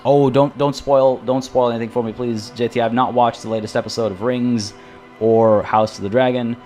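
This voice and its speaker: A man playing a video game on stream talks to his viewers at a moderate pace, in a medium-pitched, slightly mellow voice with fairly even intonation. His chat is tangential and full of restarts, and he mentions losing his voice. Faint music can be heard behind him.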